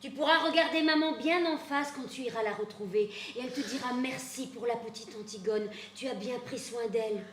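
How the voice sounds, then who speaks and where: An actress playing a young, resolute princess on a theater stage, speaking quietly, gently and firmly. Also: female voice, a little high, fairly quick, few pauses, a little hiss or hum, natural voice. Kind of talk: stage acting. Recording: roomy stage.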